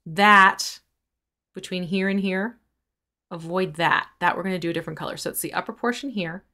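A woman's voice: fairly low pitch, normal speed, bright, forceful tone. A woman teaching mini painting on a live stream, explaining each step in a chatty way while she works. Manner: explains steps while working, chatty and laughing.

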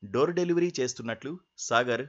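A man's voice: mid-range voice, brisk, fairly bright tone, highs cut off. A man narrating a scripted news feature as voice-over.

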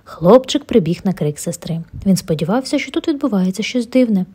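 A woman reading a children's bedtime story aloud, gentle and expressive. Her voice is breathy and mellow, with a lively melody. She sits at a middle pitch for a woman. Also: brisk.

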